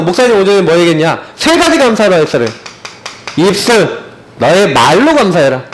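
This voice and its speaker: A man in his thirties preaching as a pastor in a church, animated and storytelling, with many rhetorical questions. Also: high-pitched. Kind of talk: sermon. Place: church sanctuary.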